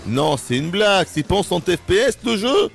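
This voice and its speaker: A man streaming a game live, ranting in exasperation with swearing and sudden high-pitched outbursts. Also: sing-song, brisk, vocal fry, faint music behind. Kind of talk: live gaming stream commentary.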